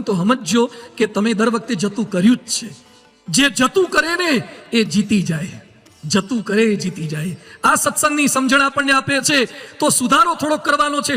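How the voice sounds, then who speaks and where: Male monk, very high voice, humorous sermon storytelling, long hall reverb, faint music. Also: pushed and bright. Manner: humorous storytelling, emphatic moral points.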